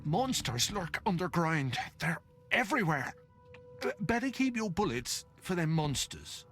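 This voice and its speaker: A man's voice: on the high side, very animated, unhurried, a bit bright, faint music behind. An actor playing a fearful townsman in a game, giving urgent, paranoid warnings. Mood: anxious warning.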